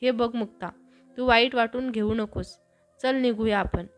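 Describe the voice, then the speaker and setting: A level-headed young college friend from a storybook who gently settles the others, voiced by a woman narrator. She talks in a fairly high voice, with faint music behind. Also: normal speed, close to an everyday voice. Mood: soothing.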